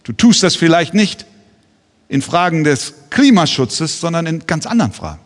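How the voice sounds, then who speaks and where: A man's voice: a little high, sing-song, moderate pace, in a large hall. A man preaching a sermon as pastor, earnest and pressing his listeners with pointed rhetorical questions.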